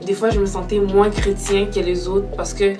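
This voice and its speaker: A woman's voice: medium pitch, flat delivery, moderate pace. A twenty-four-year-old woman giving a reflective, slightly hesitant faith testimony. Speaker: young church member giving testimony. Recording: distant mic with background music.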